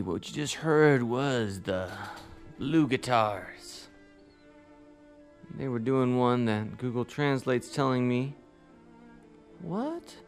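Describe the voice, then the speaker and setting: A man's voice: medium pitch, clear, resonant tone. A man hosting a radio music show, introducing songs in an easygoing, rambling way with casual asides.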